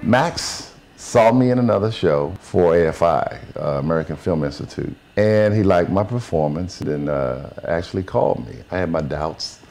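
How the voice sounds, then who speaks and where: A man, an actor, recalling in a relaxed interview how he was cast in a film. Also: sits low, normal speed, few pauses, a little hiss or hum. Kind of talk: behind-the-scenes interview.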